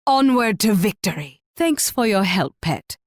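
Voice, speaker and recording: A woman's voice: mid-range voice, very animated, a little slow, dry recording, clean studio sound. An actress playing an imperious, cruel Spanish warrior queen in a video game, commanding, condescending and taunting. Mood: smug, boastful. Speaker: video game character voice actor. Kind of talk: theatrical video game voice lines.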